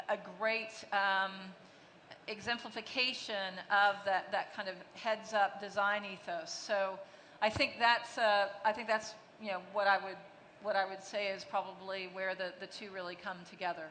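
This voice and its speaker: Woman, executive, conference panel answers, bright tone, reverberant hall, restarts phrases. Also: mid-range voice, little pitch movement, unhurried. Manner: fluent, with frequent restarts and fillers. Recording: long hall reverb, faint noise.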